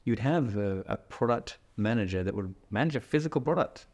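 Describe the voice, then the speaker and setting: A man with a low-pitched voice talks casually as a podcast guest, thinking aloud. His delivery is relaxed and joking, and he keeps checking in with "right?". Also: brisk. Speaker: podcast guest, product executive. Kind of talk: casual conversational interview. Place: indoor room, in person with host.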